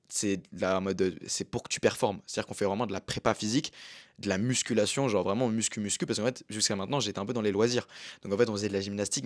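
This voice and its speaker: A man's voice: on the low side, no room sound, studio quality. A young man in casual chat about his gymnastics training, talking in a slangy, rambling way with many fillers. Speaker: vlogger and amateur gymnast.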